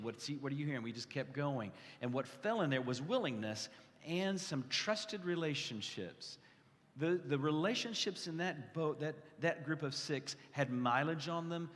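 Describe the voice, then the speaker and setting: A guest preacher delivers an earnest testimonial sermon to a live gathering in a large indoor hall. His slightly high, fairly bright voice is conversational, and he often restarts or repeats a phrase for emphasis. Long reverb rings around his words.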